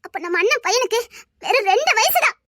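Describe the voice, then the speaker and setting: A performer voicing a tearful, gentle elder sister in a homemade family drama, with a Tirunelveli accent. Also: very high voice, sing-song, quick pace, dry recording, clean studio sound, exaggerated voice. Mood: urging. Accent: Tirunelveli Tamil. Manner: tearful, soft-spoken, affectionate.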